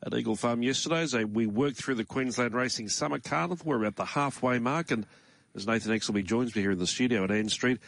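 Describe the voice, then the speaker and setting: Morning show host: Australian man, lower-pitched voice, conversational and measured, close dry studio sound. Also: gravelly, fairly bright tone, no echo. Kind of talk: morning radio racing talk show hosting. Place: radio studio.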